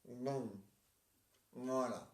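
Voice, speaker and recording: A man acting out a comic play and switching between roles, halting and stammering as he repeats his words. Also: mid-range voice, steady tone. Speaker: amateur stage performer. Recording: roomy, distant mic.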